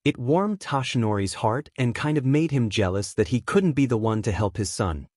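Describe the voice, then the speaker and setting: Male narrator, mid pitch, dry close sound, steady story reading. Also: moderate pace, no room sound.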